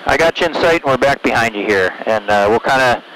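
A man's voice: medium pitch, animated, fast talker. A man flying a small plane, talking casually and matter-of-factly over an aviation headset. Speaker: pilot. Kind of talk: casual cockpit radio and intercom talk. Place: cockpit of a small plane in flight. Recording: noisy radio-like cockpit headset audio. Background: loud engine noise, clicks.

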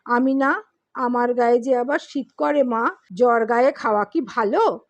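Lady reading as a sad old poor farmer, soft hushed voice, kinda high, dry sound. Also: unhurried, no room sound, lightly acted. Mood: weary. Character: poor, grieving old farmer man, gentle and tearful.

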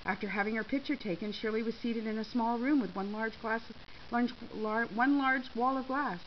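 A woman reading a short story aloud in a lively, expressive way. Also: a little high, normal speed. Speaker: reader. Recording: slightly dull with faint hiss.

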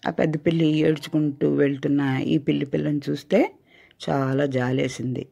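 An older grandmother telling a bedtime tale to children in a gentle, coaxing tone. Her voice is dark and gravelly, with a raspy edge. It sounds like a dull, lo-fi home recording. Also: deep voice, level tone, moderate pace. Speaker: grandmother storyteller. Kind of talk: children's storytelling.

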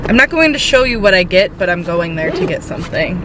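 A woman's voice: on the low side, fairly quick. A woman in her twenties telling everyday stories casually and expressively to a camera inside a car, with lots of filler words. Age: 20s. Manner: chatty, expressive storytelling with 'like' as filler. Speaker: vlogger. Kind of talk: casual vlog chat. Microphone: dash-mounted camera. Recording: noisy car interior.

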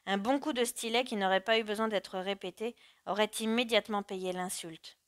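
A woman narrating a classic story in a measured, dramatic reading. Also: medium pitch, no room sound, clean studio sound. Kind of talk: audiobook narration.

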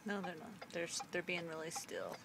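A woman's voice: on the low side, very animated, normal speed, vocal fry. A woman chatting casually as she looks after a passenger while driving. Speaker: driver looking after the patient. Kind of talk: casual chat. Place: inside a car. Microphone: handheld phone in the car, a little away. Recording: distant car recording with road noise.

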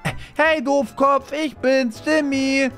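A man hosting a Minecraft roleplay, talking excitably to viewers and repeating words fast when he panics. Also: extremely high pitch, vocal fry, soft background music. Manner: addresses viewers directly as "Leute". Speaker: channel host and roleplayer.

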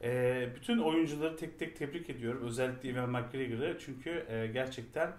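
A man's voice: medium pitch, fairly quick. A man co-hosting a casual film discussion, agreeable and reflective. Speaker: podcast co-host. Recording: echoey room with faint noise.

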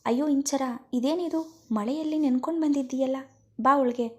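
A woman putting on an anxious young woman who fusses over her friend with quick, raised, worried questions. Her voice is mellow and a little breathy. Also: on the high side.

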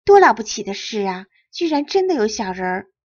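A woman reading aloud and voicing a cheerful, curious young wife in a storybook, bright and eager, with a husky voice. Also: fairly high pitch, sing-song, a little fast, highs cut off. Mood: delighted.

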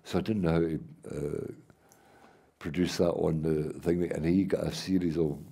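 An older Scottish man with a deep, gravelly voice that has a husky edge. He tells stories at a rambling pace, stopping to restart his sentences, as the guest in an onstage conversation before an audience. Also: steady tone, mellow. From Scotland. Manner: rambling anecdotal, halting restarts. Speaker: guest artist and playwright. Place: event hall before an audience.

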